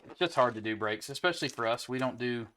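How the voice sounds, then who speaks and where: A man in his young adult years runs a card break from home. His voice sits at an ordinary middle pitch, and he chats in an easygoing way, reeling off player names between asides. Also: fast talker, bright, forceful tone. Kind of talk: casual chat while opening card packs.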